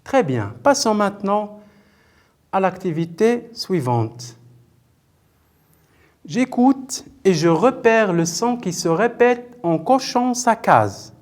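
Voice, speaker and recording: A man's voice: sits high, big pitch swings, takes it slowly, pauses often. A man teaching a televised primary school lesson, patient and repetitive, questioning and praising pupils as he spells out words syllable by syllable.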